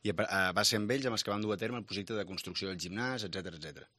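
Catalan guy doing a chatty interview, lowish voice, close dry recording. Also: very fast, pushed and bright, no echo. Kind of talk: conversational radio interview.

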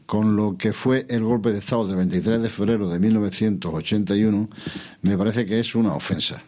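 Older man, low voice, measured interview answers. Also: warm tone. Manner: measured, hesitant, with restarts and rhetorical questions. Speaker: interview guest, former regional president. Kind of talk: reflective political interview answers.

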